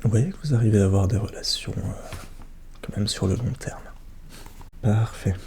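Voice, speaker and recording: A man doing a soft-spoken, ASMR role-play as a psychologist, questioning gently and attentively in a hushed voice that drifts into speaks softly. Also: on the low side, normal speed, slight background noise. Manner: gentle, attentive questioning with short murmured acknowledgements.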